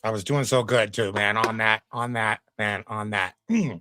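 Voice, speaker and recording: A man's voice: lowish voice, normal speed, pushed and bright. A man giving casual commentary on a clip as a reaction streamer, chatty and laid-back with preachy asides.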